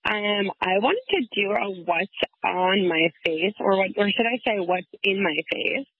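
A woman's voice: mid-range voice, lively intonation, a little slow, husky, no room sound. Woman in her 30s leaving a voicemail, phone line sound, dry, chatty. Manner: chatty, enthusiastic, with filler ums. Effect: leaving a voicemail over a phone line. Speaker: caller. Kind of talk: casual voicemail message.

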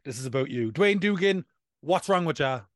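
A man's voice: fairly high pitch, lively intonation, normal speed, fairly bright tone, no echo, clean studio sound. A man in his thirties with an Irish accent, hosting a casual comedic podcast in a playful, self-mocking way. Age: 30s. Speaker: podcast host.

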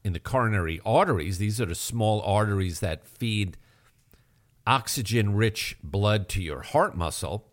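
A man's voice: fairly low pitch, lively intonation, unhurried. A male health show host explaining heart tests in an emphatic manner, asking rhetorical questions. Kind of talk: radio health talk.

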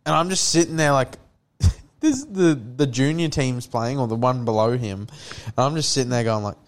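A man's voice: medium pitch, expressive, moderate pace. A young man telling stories in casual, slangy, sweary, laddish chat. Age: young adult.

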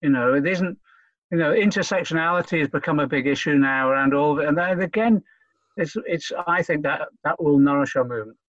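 A man from Liverpool, talking in a halting, earnest way as an interview guest, often repeating himself. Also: fairly high pitch, a bit bright, no room sound, highs cut off. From Liverpool, England. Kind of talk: conversational interview.

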